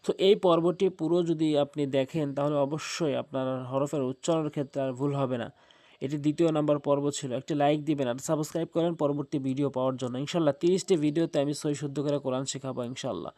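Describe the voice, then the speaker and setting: Man drilling Arabic letters, slightly high. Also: fairly even intonation, mellow, no echo. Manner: drawn-out, emphatic letter names repeated for drill. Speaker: Quran recitation teacher. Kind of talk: lesson on Arabic letter pronunciation.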